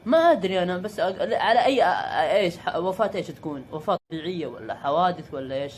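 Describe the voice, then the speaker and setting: A man's voice: high-pitched, expressive, rapid-fire. A Saudi man vlogging casually, chatty and joking with his viewers as he talks from a car by the coast. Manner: chatty, jokey, calls viewers "guys". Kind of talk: casual vlog chat to viewers. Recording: vehicle noise behind.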